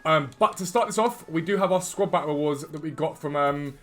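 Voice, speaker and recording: A man's voice: on the high side, a little fast, a bit bright, soft background music. A man who cannot pronounce his R's properly, saying them like w, hosting a casual, chatty gaming video and talking straight to viewers. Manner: chatty, informal, addresses viewers directly. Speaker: gaming YouTuber and host.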